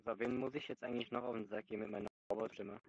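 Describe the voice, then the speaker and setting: A man's voice: medium pitch, very animated, rapid-fire, vocal fry, no echo, muffled recording. A man with a robotic, distorted voice from a glitching headset, joking around playfully in a casual voice-call chat.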